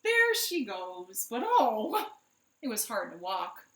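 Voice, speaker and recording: With huge pitch swings and a slow pace, a woman's mid-range, slightly bright voice leads a children's storytime from a living room. As a library storytime host, she spins playful tales and poses questions to the kids, all in a roomy home echo.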